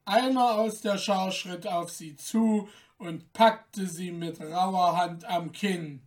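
A woman narrating a fairy tale in a measured, lilting storybook manner, recorded from a distance. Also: fairly low pitch.

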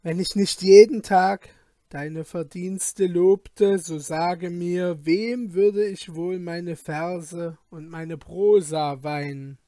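A joyful male court physician from an old fairy tale declaims flowery praise verses, as a reader puts him on. The delivery is slow, and the sound is close and dry. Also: medium pitch, fairly even intonation, mellow, no echo, close to an everyday voice. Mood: effusive.

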